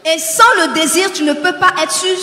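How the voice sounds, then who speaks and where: A man's voice: very high-pitched, steady tone. A man giving live interpretation of a sermon in a large church hall, repeating each line after the preacher. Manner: quick, bright, repeats the preacher's lines. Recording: roomy echo with long reverb.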